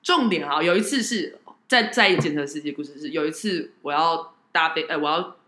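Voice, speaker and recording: A woman tells personal anecdotes in casual, animated, self-deprecating chat. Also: deep voice, moderate pace, echoey room. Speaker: show host telling personal anecdotes.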